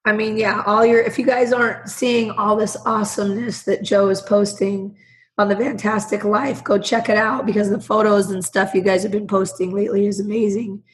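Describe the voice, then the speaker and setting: A woman co-hosting a casual podcast in a chummy, slangy way, with a hoarse smoker's rasp and a congested sound from a sinus bug. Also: mid-range voice, little pitch movement, moderate pace, rough recording. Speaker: podcast co-host.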